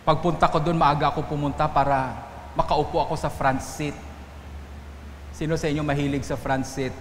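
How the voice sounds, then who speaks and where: A man's voice: fairly high pitch, little pitch movement, moderate pace, slight background noise. A man from the Philippines, a priest giving a Sunday homily, telling stories and quoting people in shifting voices. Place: church. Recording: echoey church hall, faint ambience.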